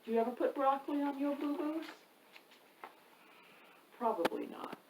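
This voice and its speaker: Reading a picture book to children at storytime, an author and host asks her young listeners questions along the way. She has a high voice and speaks at normal speed. The indoor room by a wood stove sounds roomy on the distant mic, with faint noise.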